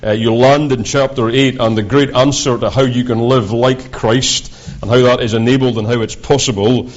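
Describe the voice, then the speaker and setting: A man with a broad Scottish accent preaching a sermon as a visiting preacher, in measured, deliberate, halting phrases. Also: medium pitch, steady tone. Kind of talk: sermon with scripture readings. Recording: dull, lo-fi sound.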